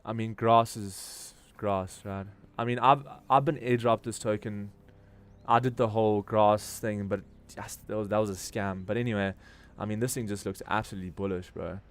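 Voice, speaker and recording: Here a Durban-born crypto trading stream host, with a South African accent, offers relaxed, slangy live market commentary, reasoning out loud. His voice sits on the low side, with a steady tone and moderate pace.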